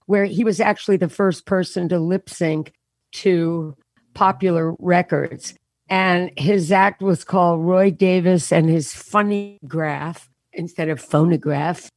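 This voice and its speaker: A woman comedian telling stories in an interview over a remote call, her voice deeper than usual and worn from a show and rehearsals. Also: dry recording. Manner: anecdotal, self-mocking, quick punchlines. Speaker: comedian guest. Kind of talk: casual storytelling interview. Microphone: remote call over unstable internet.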